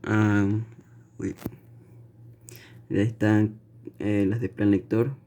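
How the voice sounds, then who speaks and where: A man, a student, reads his class notes aloud haltingly, with frequent restarts and fillers, then shows his assignments. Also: fairly low pitch, little pitch movement, dark tone. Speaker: student presenting his portfolio.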